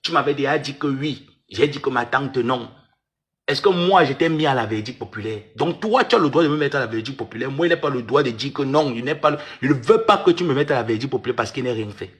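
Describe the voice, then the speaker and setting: A man talks into his livestream, swinging between a heated rant and mocking, sing-song pleading. His voice sits at an ordinary middle pitch, and he repeats his jabs again and again. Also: quick pace, fairly bright tone. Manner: mocking, taunting, repetitive pleading. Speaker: live-stream host.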